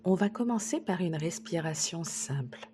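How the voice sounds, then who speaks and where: A woman sophrologist leading a guided relaxation session, speaking softly and soothingly, sometimes dropping to a whisper. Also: lowish voice, lively intonation, noisy background. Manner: soft, slow, soothing guidance, drops to a whisper at times. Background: soft background music.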